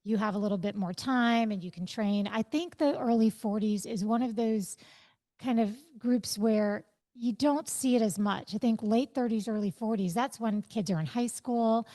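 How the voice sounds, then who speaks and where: Talking at normal speed in a fairly high voice, this podcast guest is a woman in her fifties. She reflects with animation and leans on the thoughts she quotes.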